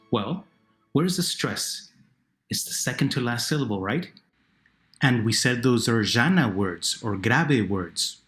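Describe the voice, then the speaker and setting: Male language teacher, lively pitch, patient question-and-answer narration, soft music bed. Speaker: Spanish teacher. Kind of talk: narrated video lesson.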